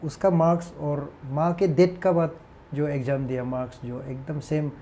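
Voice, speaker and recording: A man's voice: a little high, fairly even intonation, normal speed, mellow, a little hiss or hum. A man, a guest on a talk show, telling a personal story in an earnest, hesitant, reflective way.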